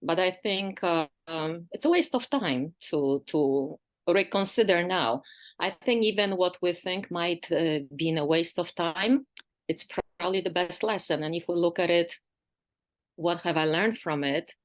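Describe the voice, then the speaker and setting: A woman's voice: lowish voice, a little slow. A woman in her sixties with a Polish accent, a podcast guest who speaks thoughtfully and reflectively, with frequent fillers and restarts. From Poland. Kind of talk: reflective interview conversation.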